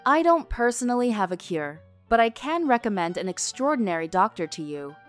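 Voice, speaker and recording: A man voicing a poised businesswoman who speaks in a measured, persuasive way. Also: high-pitched, very animated, faint music behind, voice pushed up. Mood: earnest.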